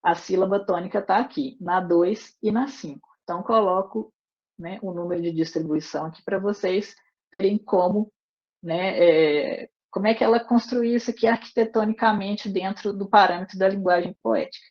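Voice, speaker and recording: A woman teaching a literature class online, explaining step by step and often adding quick tag questions. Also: mid-range voice, fairly even intonation, darkish tone. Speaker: literature lecturer. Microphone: wireless earbuds on a video call. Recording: dull lo-fi online call audio.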